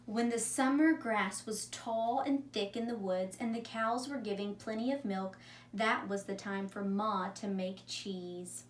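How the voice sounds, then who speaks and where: Steady and unhurried, a medium-pitched woman's voice reads a story to young children. The teacher keeps things simple and asks questions of her listeners, and the recording has echo, a distant mic and faint noise.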